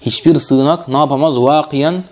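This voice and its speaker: Turkish man teaching a grammar class, pitched a little high, reads the text and keeps quizzing his students. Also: moderate pace. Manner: questioning students constantly; reads Arabic grammar text aloud and explains. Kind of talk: classroom lecture.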